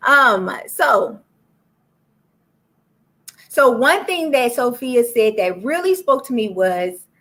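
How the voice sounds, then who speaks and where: A woman's voice: on the high side, very animated, takes it slowly, long pauses, fairly bright tone. A woman hosting a live-streamed book club, talking straight to her viewers in a chatty way. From Florida. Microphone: laptop or phone for a live stream.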